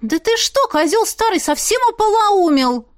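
A woman voicing an outraged young village girl, shrill and indignant. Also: sing-song, moderate pace, dry recording, studio quality.

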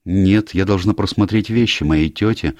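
A man reading an audiobook voices a young woman caught off guard, her lines lifted higher than his own deep voice. The delivery is dry and close to the mic, quick and exclamatory. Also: a little mellow, dry recording, lightly acted. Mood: urgent. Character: Susan Banks, composed young woman.

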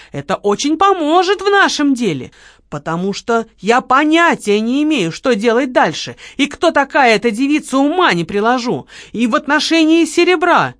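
Woman doing a sharp-tongued young heroine. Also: fairly high pitch, no room sound, studio quality, voice pushed up. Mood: scolding. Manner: scolding, sarcastic, bossy.

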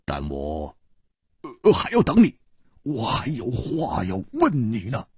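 A man playing a proud young fighter, curt and clipped, the voice jumping high and low. The husky storybook figure sounds close and dry. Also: wildly swooping pitch, takes it slowly, dry recording, exaggerated voice. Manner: brusque, loud, clipped.

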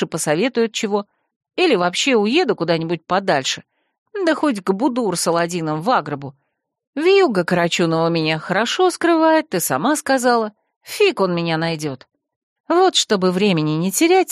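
A woman's voice: mid-range voice, sing-song, moderate pace, no echo, studio quality, close to an everyday voice. A woman as a defiant, hot-tempered heroine. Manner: hot-tempered, stubborn, exclaiming. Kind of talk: audiobook character voice.

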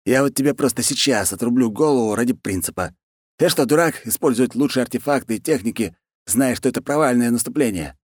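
A man's voice: mid-range voice, fast talker, no room sound, studio quality, voice pushed up, lightly acted. A man voicing a fat, lazy and cruel khan who talks in a peevish, bossy way.

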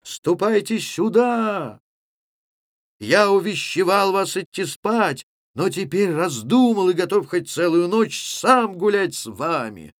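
Brief: a man doing an angry young village lad, raised and high, mocking. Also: lively intonation, measured pace, dry recording, clean studio sound. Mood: calling out. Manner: mocking, loud and heated.

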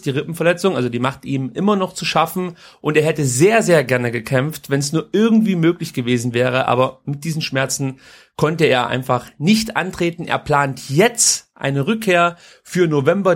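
A man hosting a podcast, giving casual news commentary in an informal, colloquial way with some crude slang. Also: on the high side. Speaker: podcast host.

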